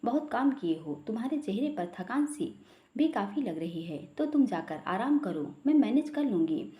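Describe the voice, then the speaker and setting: A woman voicing a sad young college girlfriend who talks softly and reassuringly, in a roomy recording. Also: on the high side, sing-song, moderate pace, lo-fi sound. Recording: roomy echo.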